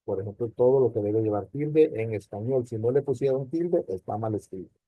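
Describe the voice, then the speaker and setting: A male lecturer of ordinary pitch, talking students through a class in an explanatory way and often checking with them through rhetorical questions. The sound is dry and close, with no room around it, and slightly dull. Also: animated, brisk, dry recording. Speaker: university lecturer. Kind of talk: recorded online class lecture.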